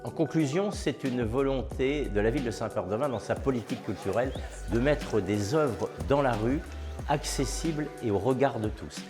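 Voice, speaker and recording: A man speaking as a town official in charge of culture, explaining an exhibition at a measured pace with frequent hesitations and restarts. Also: medium pitch. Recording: long reverb with faint music behind.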